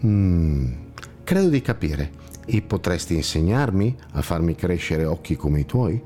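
A man's voice: low-pitched, sing-song, measured pace, dark tone, soft background music. A man voicing a weary, anxious blind man who asks plaintive questions while searching for a better place, in a storybook tale.

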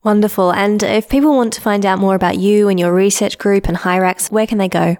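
A woman interviewer asking quick, upbeat questions. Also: medium pitch, steady tone, darkish tone.

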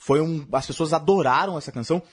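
Male Brazilian podcast host, slightly high husky voice, halting conversational commentary on music. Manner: halting, repeats words while explaining.

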